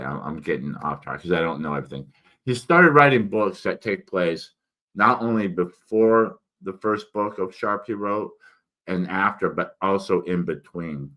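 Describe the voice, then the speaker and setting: A man giving a casual, rambling book review, halting and correcting himself, his articulation slightly impeded by a swollen mouth. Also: extremely low pitch, pushed and bright. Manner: digressive, self-correcting, halting.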